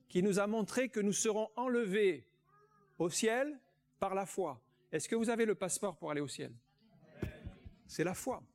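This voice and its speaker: A man delivers a sermon in a notably high voice. He reads scripture aloud and preaches with emphasis, drawing out the words he wants to land. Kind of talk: sermon with Bible reading.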